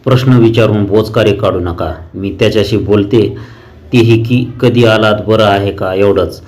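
A man reading as a fearless, sharp-tongued young woman. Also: on the low side, steady tone, moderate pace, close to an everyday voice. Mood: defiant. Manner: sharp, cutting, indignant.

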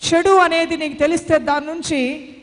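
Fervent high-voiced woman preacher, hall reverb. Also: steady tone, moderate pace. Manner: fervent, repetitive exhortation. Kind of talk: sermon.

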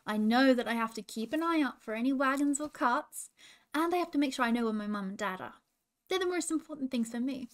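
A woman in a princess role, gently coaching children and asking them questions. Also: high voice, animated, a little fast.

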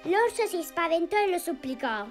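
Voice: very high voice, very animated, moderate pace, soft background music, full character voice. A voice actor playing a playful little girl who tells a fairy tale in a chatty cartoon storybook style, asking the listener questions along the way. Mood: lively.

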